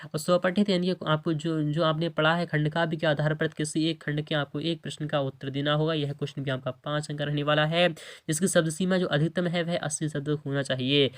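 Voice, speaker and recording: A man's voice: fairly high pitch, flat delivery, brisk. A male teacher who goes through an exam model paper. He keeps restating his points and repeats himself. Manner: repetitive, restates with "yani ki". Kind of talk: exam paper walkthrough lesson.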